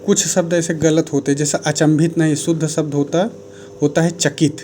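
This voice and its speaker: Man, mellow and fairly high voice, steady teacher correcting sentences, faint noise behind. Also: moderate pace. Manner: methodical, corrects sentences one by one. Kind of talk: grammar lesson.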